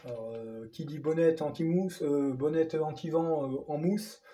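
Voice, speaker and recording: A man with a northern French accent, chatting through an unboxing vlog, excited and stumbling over his words. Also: on the high side, a little slow. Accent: Ch'ti. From northern France. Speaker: vlogger.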